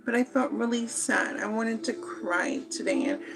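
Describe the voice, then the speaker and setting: A woman giving a slow, meandering spoken tarot reading, with many fillers and pauses. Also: on the high side, creaky, low-quality recording. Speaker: tarot reader.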